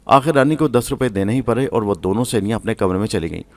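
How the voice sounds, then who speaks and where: Man, storyteller, scripted narration, reads all the parts himself, low voice. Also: animated, distant mic. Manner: reads every part in his own voice with small shifts.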